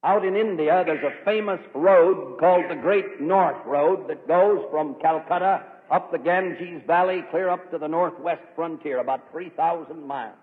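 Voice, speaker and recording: An emphatic man preaches a sermon, his fairly high voice swinging between loud declarations and hushed warnings. The recording sounds thin and phone-like, with a long reverb trailing off in a large church hall. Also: measured pace, hardly any pauses. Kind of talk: fiery sermon.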